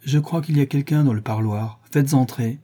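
A man's voice: mid-range voice, moderate pace, mellow, slightly rough, pitched above the performer's own voice, lightly acted. A man reading the part of a vengeful Spanish woman, speaking in a disdainful way. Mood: scornful.

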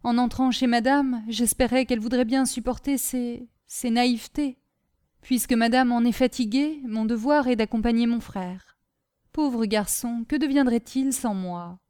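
Woman reading a gentle servant sister: tender, pleading, mellow. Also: on the high side, a little slow, clean tone, no echo, clean studio sound, lightly acted.

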